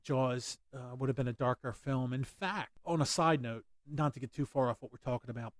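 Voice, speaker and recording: A man's voice: mid-range voice, fairly even intonation, fairly quick, no echo. A man hosting a casual movie commentary, rambling with many fillers and restarts. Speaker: podcast host.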